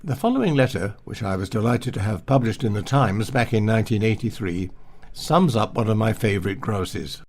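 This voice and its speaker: A man's voice: on the low side, animated, normal speed, darkish tone. Older male author narrating his memoir; wry, pernickety delivery that mimics pronunciations. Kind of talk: audiobook memoir reading.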